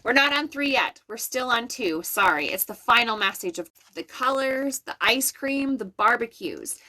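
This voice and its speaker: A woman's voice: fairly high pitch, expressive, moderate pace, pushed and bright. A middle-aged woman giving an earnest, soothing live card reading, talking straight to her viewers. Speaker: intuitive card reader. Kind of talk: live-stream tarot reading.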